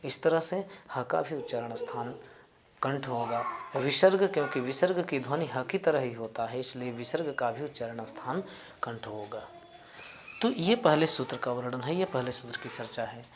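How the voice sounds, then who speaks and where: A man teaching a grammar lesson, explaining slowly and deliberately and spelling out individual sounds one by one. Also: mid-range voice, lively intonation, background noise. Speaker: Sanskrit teacher.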